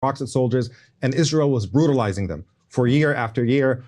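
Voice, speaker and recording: A rapid-talking man in his forties who grew up in the Middle East, arguing his case in a debate. He pushes his points in long, unbroken runs, keeps going through interruptions and asks to be let finish. His pitch sits in the middle of the range. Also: a little mellow. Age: 40s. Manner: insistent, long-winded, talks over interruptions. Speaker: debate guest. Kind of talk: heated debate argument. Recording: played clip from a debate.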